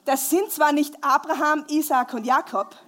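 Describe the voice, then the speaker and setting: A woman giving a lively sermon to a congregation in a church hall, asking them questions. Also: high voice, moderate pace. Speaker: preacher.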